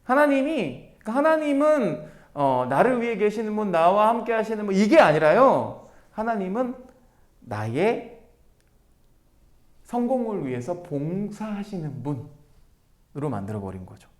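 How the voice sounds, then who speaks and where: A man teaching a Bible passage to viewers, animated and firing rhetorical questions at them. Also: sits high, measured pace. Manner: addresses listeners directly as everyone. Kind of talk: Bible teaching to a video audience.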